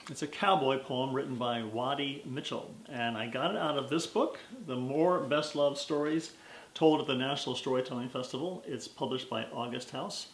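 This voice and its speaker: An American man telling a story in verse as a dramatic, deliberate and strongly emphatic recitation. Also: medium pitch, roomy sound, rough recording. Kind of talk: dramatic recitation of a cowboy poem.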